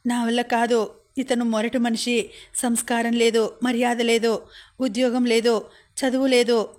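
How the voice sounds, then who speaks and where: A tearful young woman pleads to be let go, as a woman narrator voices her. The voice sits fairly high and stays level, with little rise and fall. It is a storybook reading of a scared girl begging. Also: little pitch movement, a little slow, darkish tone, lightly acted. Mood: pleading, frightened.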